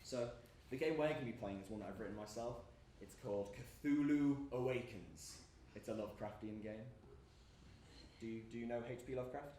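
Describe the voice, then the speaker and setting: Picked up from afar in an echoey indoor performance space with background noise, a young actor delivers naturalistic live dialogue as an awkward, friendly, lonely gamer who rambles and apologises nervously. His mid-range voice is brisk, warm, and lightly acted.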